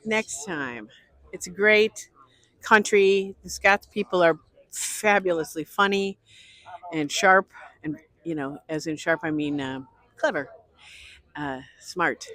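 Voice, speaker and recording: A woman's voice: lowish voice, slow pace, fairly bright tone, no echo. A woman walking through an outdoor art festival, narrating her vlog chattily and greeting people she passes. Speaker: vlogger.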